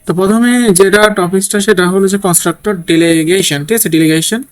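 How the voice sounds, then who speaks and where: This screen-recorded coding tutorial features a fast-talking man with a high-pitched voice. While typing code, he thinks out loud and regularly asks "okay?" to check in.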